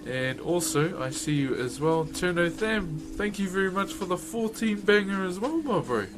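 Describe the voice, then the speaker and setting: A man's voice: high voice, animated, moderate pace, music in the background. A man with a broad New Zealand accent chatting casually to viewers as a live streamer, laid-back and slangy. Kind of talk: casual livestream chat with viewers.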